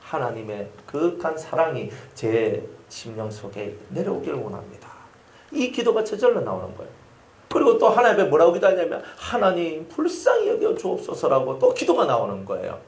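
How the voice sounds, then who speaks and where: A male pastor with a Gyeongsang accent preaches in a lively, sing-song voice that leaps up and down. He tells his stories with sound effects and keeps putting questions to the congregation. His voice echoes through a roomy hall. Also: on the high side, brisk. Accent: Gyeongsang Korean. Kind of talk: sermon.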